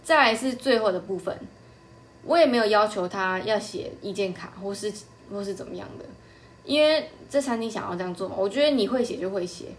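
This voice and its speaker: A woman's voice: mid-range voice, animated, a little fast, a little hiss or hum. A young woman from Taiwan, hosting a podcast and chatting casually, telling a story and acting out the customers' lines. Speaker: podcast host.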